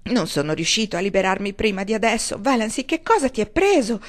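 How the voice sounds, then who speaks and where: A woman's voice: mid-range voice, moderate pace, close to an everyday voice. Woman narrator voicing a fervent, earnest young husband; urgent, heartfelt. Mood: impassioned.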